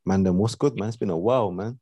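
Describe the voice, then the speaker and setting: A man with a deep voice and a London accent hosts a casual podcast. He talks in upbeat slang and echoes his own phrases, in a very dry recording with no room sound. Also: fast talker, warm tone. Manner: slangy, upbeat, repeats himself. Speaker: podcast host.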